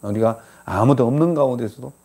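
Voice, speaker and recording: Older male pastor, gravelly and husky, mid-pitched, emphatic sermon delivery. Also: a little fast, warm tone. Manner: emphatic preaching with rising outbursts and rhetorical questions.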